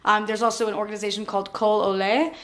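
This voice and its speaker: A graduate student guest answers interview questions fast and confidently in a mid-range voice with little pitch movement. She's talkative and speaks freely, peppering her answers with "like" and "I mean".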